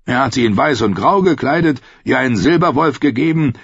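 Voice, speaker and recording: A man's voice: mid-range voice, lively intonation, fairly quick, vocal fry, breathy edge, no room sound, pitched above the performer's own voice. A man reading an audiobook, voicing a cynical, mocking one-handed knight in a dry, sardonic way. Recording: dry, slightly dull studio audio.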